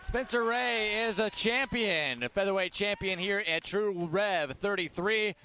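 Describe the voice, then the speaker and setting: A man calling a fight play by play, excited and shouting at the big moments. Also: sits high, measured pace, slight background noise. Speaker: play-by-play commentator. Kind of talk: fight commentary.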